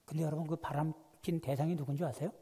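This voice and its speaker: Man, guest preacher, high lively husky voice, long hall reverb, sermon storytelling. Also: quick pace. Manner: animated storytelling, swinging from hushed to loud. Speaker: guest pastor. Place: church sanctuary.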